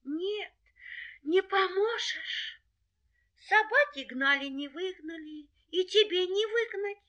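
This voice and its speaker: A pitiful little hare boy sobs out his story in a high, tearful, whimpering voice, as a woman storyteller puts him on. His pitch jumps far above her own, and his words come in a wailing sing-song. A storybook figure, small and helpless. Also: expressive, takes it slowly, pushed and bright, highs cut off, full character voice. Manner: repeats his lament in a crying sing-song.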